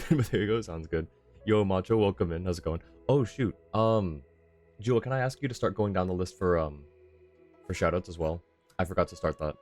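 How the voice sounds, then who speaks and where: A low-pitched, slightly mellow male voice belongs to a gamer hosting a livestream. He keeps the chat casual, friendly and apologetic, reading his viewers' messages and the game's dialogue aloud.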